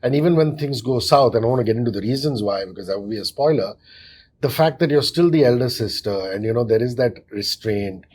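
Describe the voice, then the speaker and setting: A man's voice: medium pitch, expressive, quick pace, a little mellow, a little hiss or hum. A man hosting an interview, asking long questions and heaping praise on his guests. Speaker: host.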